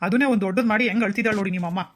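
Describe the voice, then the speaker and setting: A woman voicing a middle-aged cartoon father who calmly lectures his wife and daughters. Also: mid-range voice, very fast, very noisy, natural voice. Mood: lecturing. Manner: lecturing, reasoning.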